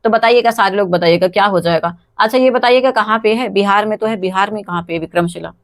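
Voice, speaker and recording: A woman's voice: medium pitch, fast, no echo, clean studio sound. A woman hosting a live quiz lesson, chatty and thanking viewers by name, speaking English with an Indian accent and sounding a little tired. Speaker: quiz host on a live stream. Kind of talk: casual live-stream quiz teaching.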